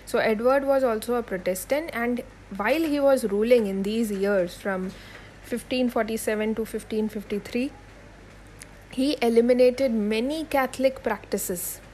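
A woman's voice: a little high, normal speed, a little mellow, slight background noise, rough recording. A woman teaching a history lesson for exam students. She repeats key points, spells names letter by letter and asks questions that she answers herself.

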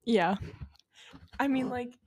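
A woman's voice: a little high, takes it slowly, breathy edge. A young woman co-hosting a casual music review podcast, mostly chiming in with short agreeing remarks. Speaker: podcast co-host.

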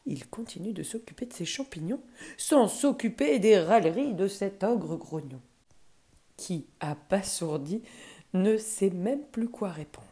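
Woman gently reading a children's story. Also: mid-range voice, animated, unhurried. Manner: gentle, dropping to soft hushed tones.

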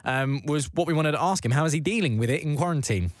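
Male radio host, a touch high-pitched, lively storyteller, casual. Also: quick pace. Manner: animated storyteller, repeats words.

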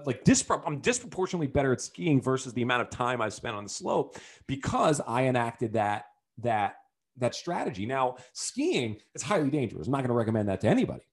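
A man hosting a podcast, telling a story in a casual, animated way. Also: medium pitch, breathy edge. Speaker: podcast host. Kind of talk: storytelling monologue.

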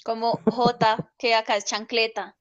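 A woman's voice: fairly high pitch, flat delivery, a little slow, no room sound, lo-fi sound. A Colombian woman with a Colombian Spanish accent, explaining local words in a casual chat and laughing easily.

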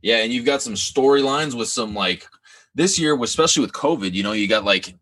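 A man co-hosting a casual sports talk show, easygoing and halting, with frequent fillers. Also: medium pitch, lively intonation, a bit bright, dry recording. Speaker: sports podcast co-host.

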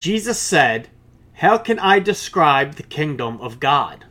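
A man's voice: fairly high pitch, sing-song, slow pace, bright, forceful tone. A male pastor preaching a sermon, reading scripture aloud and explaining it with casual asides.

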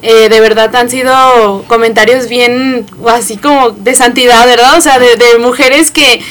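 Woman hosting a chat, talky, lots of fillers, voice sits kinda high. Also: fairly even intonation, a little slow. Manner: chatty, warm welcoming with filler words. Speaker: host. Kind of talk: casual chat.

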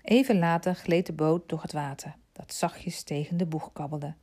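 Woman reading a storybook calmly. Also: sits low, moderate pace. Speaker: narrator. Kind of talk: storybook read-aloud narration.

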